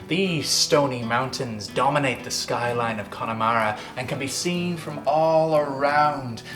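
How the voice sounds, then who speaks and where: An Irish man telling a story in a lilting, theatrical way, as a scripted narration. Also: mid-range voice. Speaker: storyteller, host. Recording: roomy echo, music behind.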